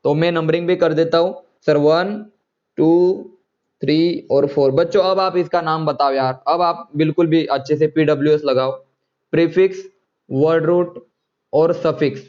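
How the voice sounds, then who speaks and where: A man's voice: fairly high pitch, steady tone, normal speed, a little mellow, muffled recording. A man teaching chemistry in an online class, coaxing students and checking often whether they follow.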